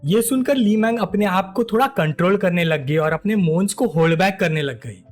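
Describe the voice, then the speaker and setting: A narrator telling a comic story recap in an animated storytelling manner. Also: medium pitch, moderate pace, faint music behind.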